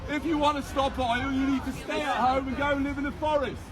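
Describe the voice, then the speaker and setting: A man scolding people out on a street, shouting angrily. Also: very high-pitched, little pitch movement, a little fast, heavy background noise. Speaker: bystander confronting protesters. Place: outdoor street with traffic. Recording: street crowd with music over it.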